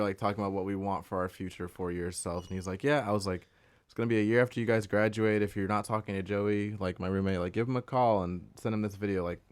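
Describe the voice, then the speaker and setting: A man in his twenties, a podcast guest, chatting casually and rambling with lots of "like" in an excited way. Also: lowish voice. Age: 20s. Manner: rambling, heavy use of "like", excitable. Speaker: podcast guest, concert photographer. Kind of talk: casual chat.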